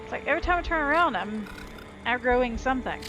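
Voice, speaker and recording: A woman doing let's play commentary talks fast and animatedly in a high voice, captured on a rough recording. She thinks aloud casually and self-deprecatingly as game music and sounds play.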